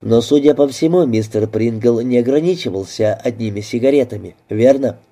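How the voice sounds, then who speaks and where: A man voicing a composed male police inspector in a detective audiobook, questioning in a dry, measured way. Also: medium pitch, warm tone, natural voice. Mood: probing.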